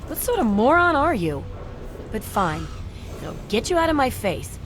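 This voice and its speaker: A woman's voice: fairly high pitch, very animated, normal speed, slight background noise. An actress playing a surly, foul-mouthed woman who runs a bar in a video game, brusque and scornful. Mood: irritated, scornful.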